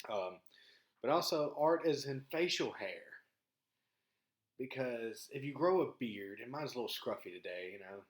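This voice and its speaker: Folksy and relaxed, a rural Mississippi man talks to his vlog audience in a Southern drawl, stopping and starting as he speaks. His voice sits low, and he hails from the southern United States.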